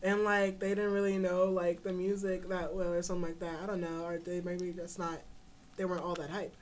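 A young woman in casual chat, relaxed and full of filler words. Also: lowish voice, fairly quick, slight background noise. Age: young adult. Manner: relaxed, many filler likes.

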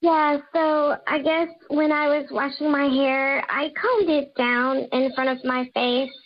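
A woman's voice: high-pitched, fairly even intonation, a little slow. A woman calling in anonymously, her voice run through a voice changer, telling her story nervously and hesitantly. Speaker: anonymous caller confessing. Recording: dull lo-fi disguised line.

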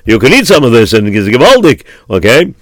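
Excitable miser, played by a man, lively pitch, fussy then explosive. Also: brisk, dry recording. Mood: fussing host.

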